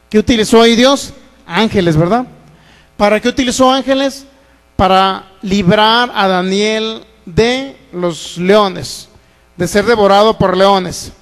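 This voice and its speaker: A man's voice: high voice, in a large hall. A man from Mexico preaching a sermon as pastor, asking the congregation questions and then answering them himself. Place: church sanctuary.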